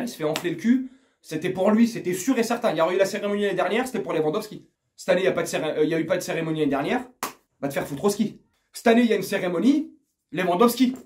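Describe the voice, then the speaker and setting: An older man with a high-pitched voice talks casually straight to the viewer. He rambles from point to point, swears freely and throws in crude jokes along the way. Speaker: football fan vlogger. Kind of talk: casual pre-match chat to camera.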